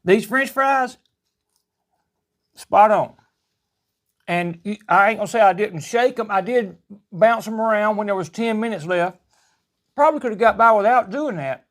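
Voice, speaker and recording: A man's voice: high-pitched, normal speed, long pauses. A man with a Southern US accent casually demonstrating home cooking in a folksy, rambling, chatty way. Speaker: home cooking vlog host.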